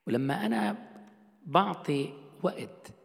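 A man's voice: high voice, lively intonation, unhurried, creaky. A middle-aged man, preaching a sermon as a pastor in a conversational way, asking rhetorical questions. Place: church hall. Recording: long hall reverb.

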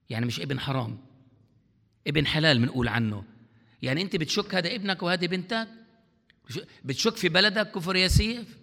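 Fast-talking male preacher, bright gravelly voice, long hall reverb. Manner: fervent, swings between loud exhortation and low asides. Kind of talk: sermon.

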